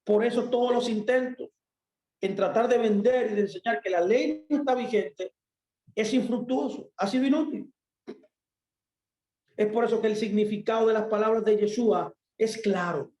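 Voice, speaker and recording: A man's voice: sits high, moderate pace, a little mellow, echoey room, low-quality recording. A man preaching a sermon in an emphatic way, putting questions to himself and answering them.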